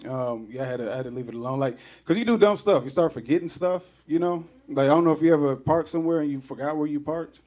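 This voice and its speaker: A man's voice: fairly high pitch, fast talker, few pauses, darkish tone. A man doing a loose, rambling stand-up comedy set on a club stage, acting out other people's voices. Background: audience laughter.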